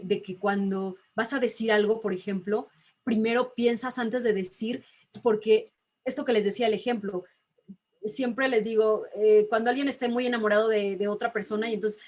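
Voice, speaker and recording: A woman voice teacher, talking emphatically in a relaxed interview and laughing often. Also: mid-range voice. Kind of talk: casual video-call interview.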